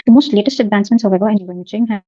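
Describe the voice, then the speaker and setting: A woman's voice: mid-range voice, racing, dark tone, no room sound, dull audio. A woman giving an academic lecture over a video call, explaining earnestly with restarts while her audio keeps cutting in and out at an uneven volume. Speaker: webinar presenter. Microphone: online video call.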